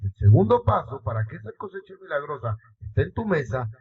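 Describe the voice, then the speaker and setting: A middle-aged man with a Mexican accent, preaching a sermon in an emotional, conversational way with sudden rises and falls in loudness. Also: on the high side, very animated, brisk, husky. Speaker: lay preacher. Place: church. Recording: distant, muffled church recording.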